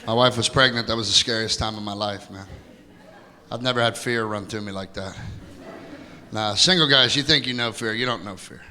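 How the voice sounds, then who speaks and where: A middle-aged man doing a stand-up comedy set on a theater stage, loud and jokey, jumping into high mocking voices for the people he quotes. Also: a little fast. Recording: live show in a big hall, loud crowd laughter.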